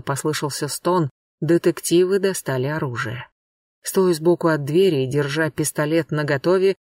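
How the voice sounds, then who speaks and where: A man narrates an audiobook in an even, measured way, his voice slightly high. The sound is dry, and he sits a little distant from the mic. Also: dry recording. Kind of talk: scripted narration.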